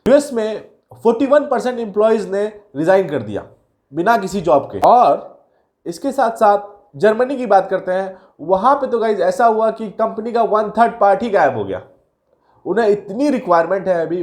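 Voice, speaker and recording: High-voiced man explaining casually. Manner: chatty, addresses viewers as guys, mixes in English terms. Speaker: career video host. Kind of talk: casual explainer talk to viewers.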